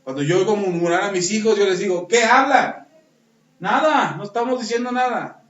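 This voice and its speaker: Pastor, male, high voice, sermon delivery with acted dialogue. Dull, distant room recording. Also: normal speed. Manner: acts out dialogue in lively voices. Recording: roomy, distant, dull sound with faint noise.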